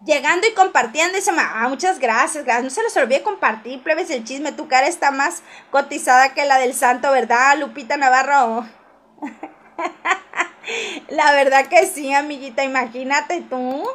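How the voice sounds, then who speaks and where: A woman's voice: sits high, measured pace, fairly bright tone. A woman hosting a casual gossip livestream, reading viewer comments aloud and answering them with teasing asides and frequent laughs.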